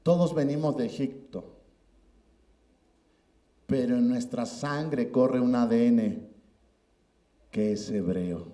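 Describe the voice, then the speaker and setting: A man's voice: medium pitch, slow, pauses often, warm tone, roomy sound. A middle-aged man preaching a sermon as pastor, emphatic and often addressing listeners as brother. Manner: emphatic, repeats "hermano" often.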